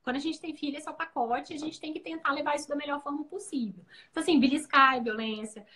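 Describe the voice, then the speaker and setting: A woman giving parenting advice in a casual live chat, animated, acting out parents' and children's voices. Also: sits high, fast. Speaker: guest parenting educator. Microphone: video call.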